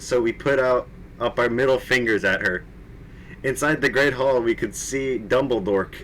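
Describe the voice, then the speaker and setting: A man's voice: mid-range voice, fairly bright tone, slight background noise, rough recording. A man reading fan fiction aloud on a live stream, with mocking asides, frequent laughter and swearing. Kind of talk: casual comedic dramatic reading.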